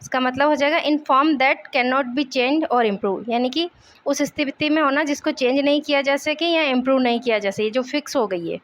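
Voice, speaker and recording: A young woman teaching English vocabulary in Hindi, repeating each word slowly and explaining its meaning. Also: high-pitched.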